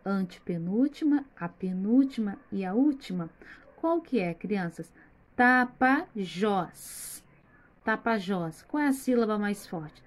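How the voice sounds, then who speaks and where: A woman with a Brazilian Portuguese accent teaching young children in a recorded lesson. She sits at a medium pitch and draws words out slowly and clearly, stopping often to ask the children questions. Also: lively intonation, a little mellow. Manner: patient, slowly spells out words and addresses the children directly. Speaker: primary school teacher.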